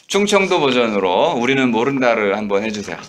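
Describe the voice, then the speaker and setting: A middle-aged male lecturer in a classroom, coaching students through a reading with quick prompts. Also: medium pitch, big pitch swings, fairly bright tone, a little hiss or hum. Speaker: university lecturer. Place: lecture room.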